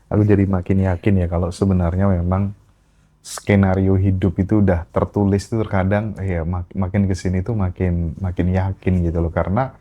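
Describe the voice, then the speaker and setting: Male host, very low and mellow voice, calm and thoughtful. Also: moderate pace, dull audio. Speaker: podcast host. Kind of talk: reflective interview questions.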